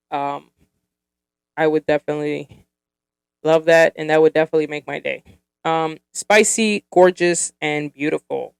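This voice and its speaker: Chatty woman podcaster, smooth dry voice. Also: low voice, a little mellow, dry recording. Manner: chatty, giggly, lots of fillers. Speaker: podcast host. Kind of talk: casual solo podcast chat.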